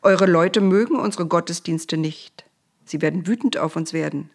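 A woman's voice: lowish voice, moderate pace. A woman voicing Moses, a stern, solemn male prophet, in a children's Bible storybook reading.

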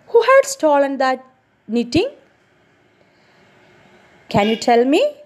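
Slow, lively-voiced woman teacher retelling a story. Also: a little high. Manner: expressive, quizzes listeners with questions.

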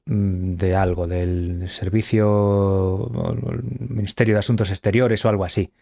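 A man, talking in a measured, agreeable way and checking facts in a casual podcast conversation. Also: sits low, steady tone, warm tone. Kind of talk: casual chat.

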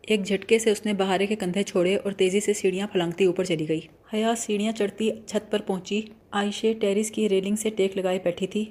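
A woman narrating a novel aloud in a steady, even storytelling manner. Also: mid-range voice, hardly any pauses. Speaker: audiobook narrator.

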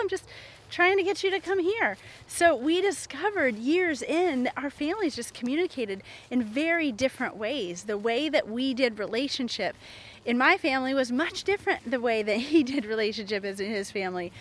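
Animated woman therapist hosting a podcast. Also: high-pitched. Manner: chatty and animated, laughs often. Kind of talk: casual podcast monologue.

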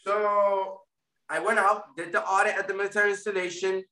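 In a laid-back interview, a First Amendment auditor guest, Puerto Rican-born and Florida-raised, speaks brisk and level in a high, bright voice. He rambles, repeating himself and restarting sentences often, and the distant mic picks him up in a very echoey room.

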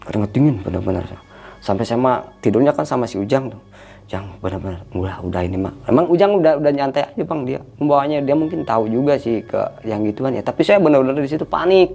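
A man's voice: medium pitch, quick pace, vocal fry, mellow. A man casually recounting a frightening hiking experience, tensely imitating the eerie sounds he heard. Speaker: hiker telling a story. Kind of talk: casual storytelling.

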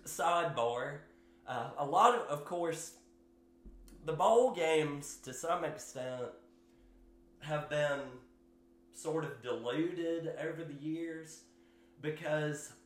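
Slow-talking man hosting a sports podcast. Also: on the high side, fairly bright tone, roomy sound. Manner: slow, measured, with fillers and hedges. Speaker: podcast host. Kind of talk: solo sports commentary podcast.

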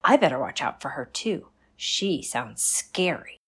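A woman reading a storybook voicing a shy, lonely young girl who speaks softly and hesitantly. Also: deep voice, very animated, measured pace, slightly rough, exaggerated voice. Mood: wistful.

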